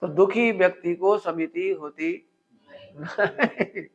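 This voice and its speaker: A man with a high voice delivers a spiritual discourse to an audience, animated and full of household examples. He keeps stopping to quiz his listeners and have them repeat the point back. The recording sounds dull and lo-fi. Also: slow. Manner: quizzes listeners with call-and-response questions. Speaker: religious teacher.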